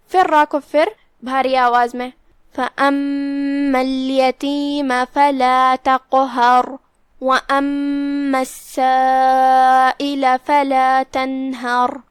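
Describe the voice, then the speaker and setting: A woman with a high-pitched voice teaches recitation rules, going letter by letter in a slow and methodical way. Her sound is dry and close, with no room around it. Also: no room sound. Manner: slow, methodical, careful articulation. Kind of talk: tajweed lesson, explaining then reciting.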